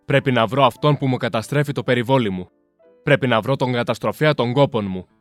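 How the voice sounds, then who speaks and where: A man's voice: mid-range voice, dry recording, faint music behind, close to an everyday voice. A man playing a poor, hard-working farmer and father in a storybook reading, plain and heartfelt. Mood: determined. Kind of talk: storybook character voice.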